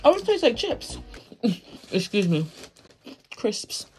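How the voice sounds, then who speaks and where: A woman's voice: on the high side, sing-song, slow pace, a little mellow, soft background music. An American woman vlogging a food review, talking with her mouth full in a playful, exclamatory way. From United States. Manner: playful, exclamatory tasting talk. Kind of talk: casual food review vlog.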